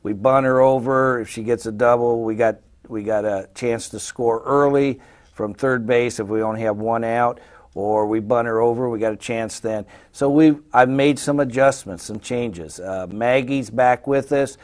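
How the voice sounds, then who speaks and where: A man who coaches college softball, answering interview questions in a folksy way. He often trails off into quiet fillers. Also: medium pitch, normal speed.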